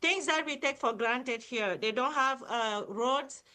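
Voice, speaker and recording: A nonprofit's founder and CEO, a middle-aged woman from Cameroon in Central Africa, is interviewed live and sounds enthusiastic and upbeat. Her high voice is bright and forceful, and she speaks a little slowly.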